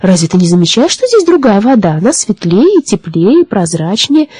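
A woman voicing a frightened little boy water sprite in a storybook, speaking high and eager. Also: very animated, a little mellow, slightly rough, no echo. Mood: curious. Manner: high, eager, quickly alarmed.

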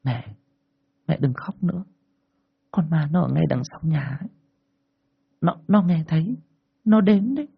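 A man voicing a frightened small child who speaks in a hushed, urgent way. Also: on the high side, expressive, unhurried, vocal fry, long pauses, husky, no echo, muffled recording, pitched above the performer's own voice, full character voice.

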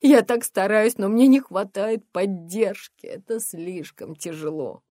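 A woman's voice: medium pitch, animated, a little slow, dry recording, studio quality. A woman doing a screaming, sobbing mother. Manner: shouting, sobbing, gasping for air. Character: distraught, screaming single mother.

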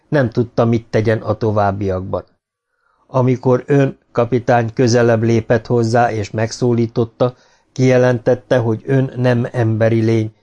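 A man voicing a humanlike male robot, polite, measured, logical, mellow dark tone, audiobook character. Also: medium pitch, natural voice.

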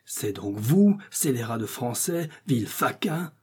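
A man's voice: fairly low pitch, normal speed, warm tone, breathy edge. A man voicing a young Venetian nobleman, a passionate, jealous lover, with impassioned, declamatory delivery. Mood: indignant.

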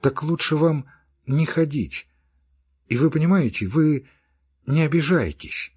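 Man doing a sweet patient young woman in an audiobook, lifted a bit above his voice, slow and soothing, husky. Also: fairly high pitch, lively intonation, a little mellow, pitched above the performer's own voice. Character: gentle young woman, calm and conciliatory. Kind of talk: audiobook character reading.

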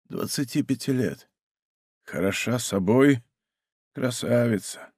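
A man voicing a frightened, dying executioner who speaks in hushed, halting words and then cries out for mercy. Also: medium pitch, animated, breathy edge, no room sound, clean studio sound, heavily acted.

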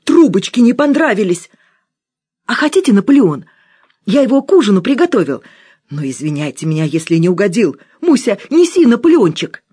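A woman's voice: fairly low pitch, animated, moderate pace, husky. A woman reader voicing a tiny, fussy male cook who is servile and wildly melodramatic. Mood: anxious. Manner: obsequious, theatrical lamenting.

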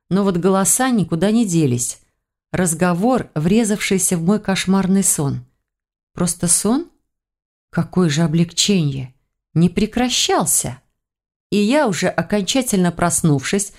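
A woman narrating a first-person fantasy novel in a measured, expressive reading. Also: on the low side. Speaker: audiobook narrator.

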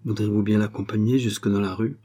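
A man's voice: on the low side, fairly even intonation, fast talker, dark tone, natural voice. Male reader as a flustered young officer, hesitant and pleading. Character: nervous young army captain, flustered.

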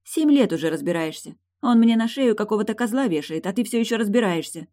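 A woman's voice: medium pitch, lively intonation, quick pace, dark tone, pitched above the performer's own voice, natural voice. A woman reading an audiobook voices a headstrong young princess in love, eager and insistent. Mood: angry.

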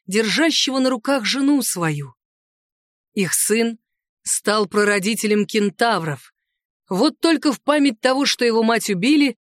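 A woman reads a first-person fantasy romance aloud in a rather high voice, lively and wry in her asides. The recording is close and dry, with no room sound. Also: dry recording. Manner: expressive, wry and sarcastic in asides. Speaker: audiobook narrator. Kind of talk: first-person novel reading.

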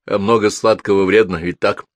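Male narrator as jokey writer, self-mocking, eager, husky low voice, audiobook. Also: a little fast, no room sound, studio quality, lightly acted. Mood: joking. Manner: joking, lively.

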